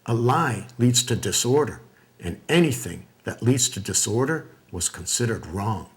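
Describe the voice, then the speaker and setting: A man giving scripted documentary narration in a measured, deliberate way. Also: lowish voice, lively intonation.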